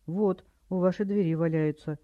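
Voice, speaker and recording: A man's voice: sits high, steady tone, normal speed, no echo, natural voice. A man reading an audiobook, voicing a polite, clever teenage boy sleuth, in a dry, slightly dull recording. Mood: calm.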